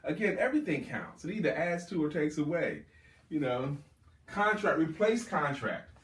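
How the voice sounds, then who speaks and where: A man runs a sales training session, his delivery lively and swooping as he hammers home key words again and again. His voice sits a bit high for a man. The sound is roomy and picked up from some distance away. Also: normal speed. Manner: emphatic, repeats key words for stress. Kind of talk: motivational sales seminar talk.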